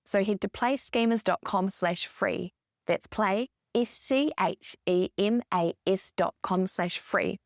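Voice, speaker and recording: A woman in her thirties hosting a podcast, giving an upbeat scripted monologue that explains each point with lively emphasis. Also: mid-range voice, takes it slowly, no room sound, clean studio sound. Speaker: podcast host.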